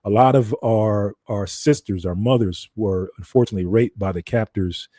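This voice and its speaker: An American man who works as a broadcaster gives an informal teaching talk, explaining things conversationally and repeating phrases for emphasis. His voice is on the low side and mellow, at normal speed, with no echo.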